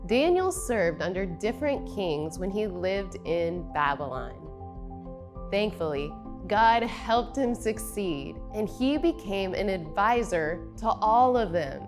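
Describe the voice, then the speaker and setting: A woman narrating a Bible story for children, asking the kids questions as she tells it. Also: medium pitch. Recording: music bed under voice.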